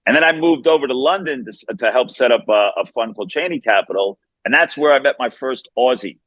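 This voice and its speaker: A man speaks with a Brooklyn, New York accent in a casual interview. His delivery is brisk and informal, with street-casual phrasing. The sound is dry, with very little room on it. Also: medium pitch, animated, fairly bright tone, dry recording. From Long Island, New York. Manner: informal, peppered with "man" and "you know". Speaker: fast-food founder, interview guest.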